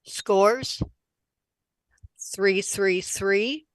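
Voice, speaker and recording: A woman moderating a camera club competition, calling judges and announcing scores in a brisk, businesslike way. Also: medium pitch, no echo, poor audio.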